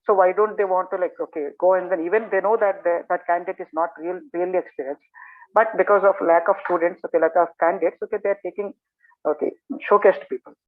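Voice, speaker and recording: A man's voice: high-pitched, fairly even intonation, fast. A man from Andhra Pradesh with a Telugu Indian English accent, a native Telugu speaker, teaching in a casual live Q&A and often dropping in "okay" and "like". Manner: repeats "okay" and "like" as verbal tics. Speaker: software trainer answering questions. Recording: tinny narrow phone-like call audio.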